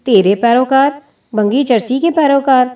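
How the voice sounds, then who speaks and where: A gruff old village man, scornful and scolding, read by a woman with a mellow, fairly high voice. The voice sits well back from the microphone. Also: close to an everyday voice. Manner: mocking, scolding. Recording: distant mic.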